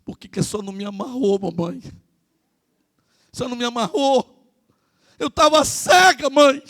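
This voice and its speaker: A man's voice: high voice, a little fast, a little mellow, no echo, studio quality, lightly acted. A man voicing a pleading headstrong daughter. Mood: despairing. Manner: begging, insistent.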